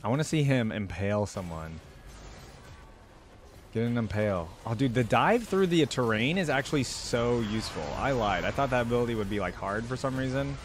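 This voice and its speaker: Soft music plays under an animated, brisk young man with a medium-pitched voice. A young adult reaction video host, he gives casual gameplay commentary, musing close to a desktop microphone with headset, and background noise comes through clearly.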